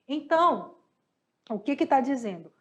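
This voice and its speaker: A Brazilian woman teaching a class, a little hoarse, patiently asking questions and answering them herself. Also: sits high, lively intonation, measured pace, a bit bright. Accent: Brazilian Portuguese. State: slightly hoarse, coughing. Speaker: Spanish teacher. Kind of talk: online class explaining exercises.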